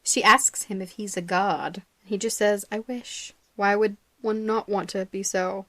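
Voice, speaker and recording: A woman's voice: medium pitch, fairly even intonation, unhurried, sharp tone, no echo. A young woman co-hosting a podcast in casual chat, laughing often and stumbling over words. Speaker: podcast co-host.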